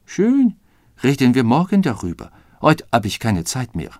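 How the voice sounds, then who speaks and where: Man playing an excitable loyal manservant. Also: mid-range voice, moderate pace, no echo, studio quality, voice pushed up. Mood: guarded, amused. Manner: indignant, exclamatory outbursts. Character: excitable loyal French manservant, male adult.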